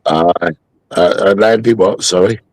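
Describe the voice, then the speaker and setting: A man's voice: sits low, measured pace, a little mellow, no room sound. A Scottish man chatting casually and jokily in late-night banter, swearing freely and repeating himself.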